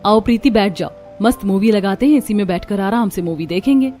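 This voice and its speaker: A woman's voice: mid-range voice, a little fast, warm tone, faint music behind, lightly acted. A woman voicing a cheerful, chatty college-going young sister-in-law in a cartoon.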